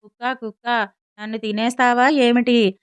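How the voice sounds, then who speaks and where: A woman's voice: a little high, little pitch movement, normal speed, clear, resonant tone, no echo, lightly acted. A woman voicing a small, chattering, clever sparrow in a storybook, pleading and bargaining.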